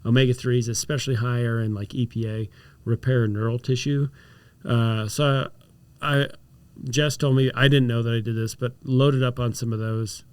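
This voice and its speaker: A man's voice: mid-range voice, moderate pace, clean tone. A man, a chiropractor, chatting casually on a health podcast, explaining remedies and telling stories. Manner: storytelling, mixes explanation with animated reenacted quotes.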